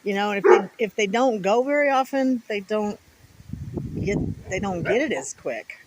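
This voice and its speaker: A woman's voice: mid-range voice, expressive, normal speed. A woman chatting casually to viewers outdoors in a folksy, rambling way, with wind on the mic. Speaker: vlogger. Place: outdoors at home, with pets around.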